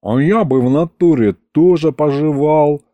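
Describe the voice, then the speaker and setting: A laid-back streetwise thug of a sidekick, all street slang, as a man reads him out. The lines come slow and unhurried. The tone is dark and mellow. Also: on the high side, no room sound, highs cut off, close to an everyday voice.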